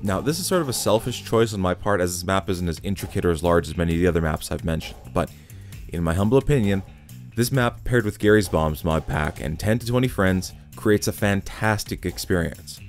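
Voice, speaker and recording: A man's voice: deep voice, expressive, a little fast, soft background music. A man hosting a gaming video, reading a scripted top ten countdown in a casual, wry way with offhand swearing and asides.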